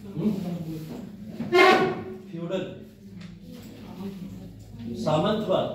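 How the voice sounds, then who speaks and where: In a classroom history lecture, a man with a high voice speaks very slowly, putting questions to his students and answering them on his own. Heavy background noise, a very echoey room and a distant mic mark the recording.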